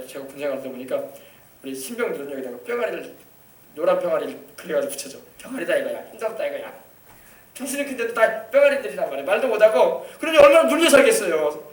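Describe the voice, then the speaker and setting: A male pastor preaching an emphatic sermon, drawing call-and-response from the congregation. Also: high-pitched. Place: church sanctuary. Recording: echoey hall, mic far off.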